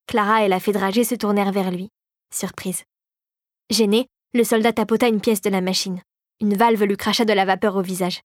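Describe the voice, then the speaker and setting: Calm woman narrating a storybook. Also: medium pitch, moderate pace, no room sound, studio quality. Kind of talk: scripted audiobook narration.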